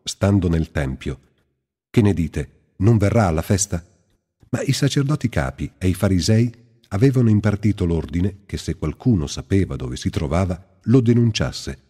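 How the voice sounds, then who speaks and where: Deep husky man reading scripture. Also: very animated, dark tone. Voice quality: slow, measured, reverent delivery. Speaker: Bible reader. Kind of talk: solemn scripted Bible reading. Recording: long hall reverb.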